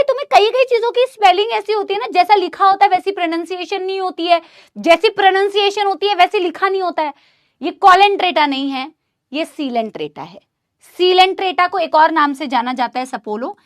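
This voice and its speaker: A young woman teaching a live online biology class, chatty, repeating terms slowly for students to say along and scolding them for chatting. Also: high-pitched, fairly bright tone, no room sound, studio quality. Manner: drills pronunciation, chatty and scolding.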